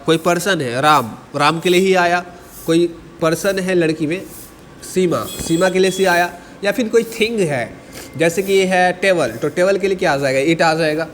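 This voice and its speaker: Male exam-prep teacher, somewhat high voice, long reverb, faint ambience; dictates definitions slowly. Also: fairly bright tone, a little hiss or hum. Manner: mixes Hindi explanation with slowly dictated English definitions; keeps asking students to answer and checks with "ठीक है". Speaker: English teacher. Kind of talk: entrance exam lesson.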